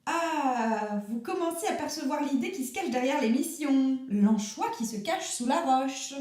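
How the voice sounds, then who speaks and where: A woman's voice: high-pitched, lively intonation, unhurried, darkish tone, echoey room. A woman doing Sally, a mock-formal radio interviewer. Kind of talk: comic radio sketch.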